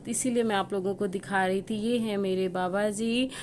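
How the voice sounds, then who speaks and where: Woman home vlogger, mother, casual and chatty, medium pitch, noisy home recording. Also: fairly even intonation, normal speed, darkish tone. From Uttar Pradesh, India. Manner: chatty, speaks straight to viewers. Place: family home.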